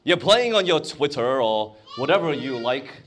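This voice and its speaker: A man's voice: medium pitch, very animated, moderate pace, a bit bright, a little hiss or hum. A man preaching a sermon in a church or conference hall, asking the congregation questions as he goes.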